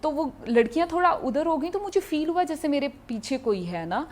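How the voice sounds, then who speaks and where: High-voiced woman telling a lively story. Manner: lively, animated anecdote telling. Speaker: martial arts athlete guest. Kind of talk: casual interview storytelling.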